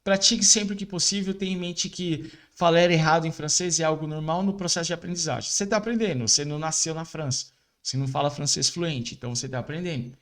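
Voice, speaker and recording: A man teaching French pronunciation in a casual video lesson, explaining informally and repeating words slowly for practice. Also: fairly high pitch, fairly even intonation, a bit bright.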